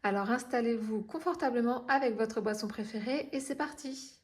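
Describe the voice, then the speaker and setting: A woman in a casual, chatty review vlog, talking through her finished diamond painting in a relaxed way, with many hesitations and self-corrections. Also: a little high, normal speed.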